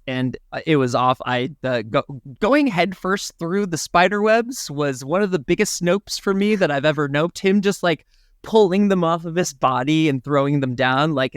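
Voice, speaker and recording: A man co-hosting a podcast, narrating a film's plot in a playful, animated way with jokes along the way. His voice sits in a middle register, and the recording is dry and close. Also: mid-range voice, clean tone, no room sound. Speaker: podcast co-host. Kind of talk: casual film recap chat.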